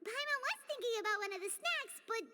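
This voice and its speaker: A woman's voice: very high-pitched, lively intonation, fairly quick, heavy background noise. A woman voicing a tiny, chatty floating girl companion who talks about herself in third person. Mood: chirpy. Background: loud game music.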